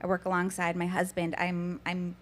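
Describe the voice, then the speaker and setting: A woman in her thirties speaking earnestly as a panel guest, often pausing with "um". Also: lowish voice, completely flat delivery. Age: 30s. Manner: earnest, many "um"s. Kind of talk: casual panel talk.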